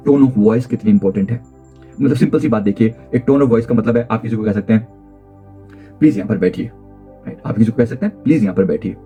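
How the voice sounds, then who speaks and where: Emphatic male life coach. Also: mellow. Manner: emphatic, swings pitch and pace to demonstrate; repeats key phrases. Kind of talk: motivational talk on communication skills.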